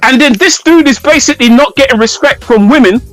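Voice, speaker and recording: A man's voice: very high-pitched, fairly quick, a bit bright, dry recording. A man scolding another caller in a heated livestream argument, trading insults. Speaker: livestream show guest.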